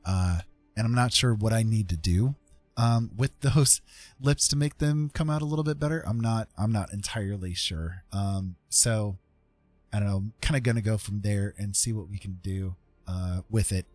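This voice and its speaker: Over faint background music, a streamer and digital artist chats casually while drawing live. His fairly low, somewhat mellow voice moves at a moderate pace, hesitant and self-effacing as he thinks aloud and drops in tutorial-style asides.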